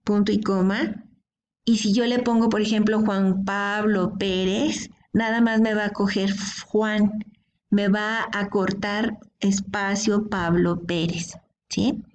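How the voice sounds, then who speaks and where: A woman speaks slowly in a steady, medium-pitched voice, and the lo-fi recording has slight background noise. It's a screen-recorded coding class where she explains each step and often checks in with students by asking "¿sí?" and "¿de acuerdo?".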